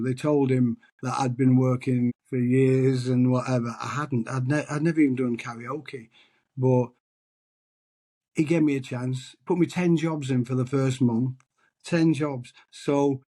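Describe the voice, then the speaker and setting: A middle-aged man from England chats in a casual interview about being a tribute singer. He's self-deprecating and rambles with restarts, and his husky voice has medium pitch and a warm tone.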